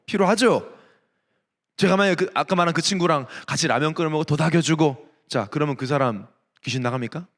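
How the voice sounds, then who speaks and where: A man's voice: a little high, creaky, big-room sound. A male pastor preaching a sermon to young adults, telling stories and firing off rhetorical questions. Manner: animated storytelling with rhetorical questions. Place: church sanctuary.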